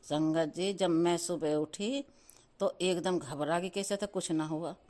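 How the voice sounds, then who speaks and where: A middle-aged woman shares a devotional testimony in Hindi sprinkled with Punjabi-flavoured devotional terms, repeatedly addressing her listeners and chanting words of thanks. Her voice is on the low side and dark, at a measured pace.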